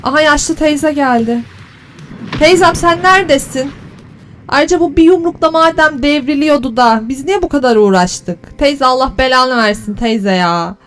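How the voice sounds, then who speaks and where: A woman hosting a gaming channel, giving let's play commentary as she swears and bickers at the creatures on screen, switching to teasing mock flattery. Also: sits high, normal speed, hardly any pauses. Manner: exasperated, cursing and bantering at the game's creatures.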